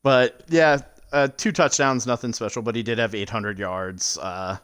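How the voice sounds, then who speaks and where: A man co-hosting a casual live stream about a sports simulation league, relaxed and full of fillers. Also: mid-range voice, moderate pace, smooth. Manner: relaxed, filler-heavy, laughs easily. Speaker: league show co-host.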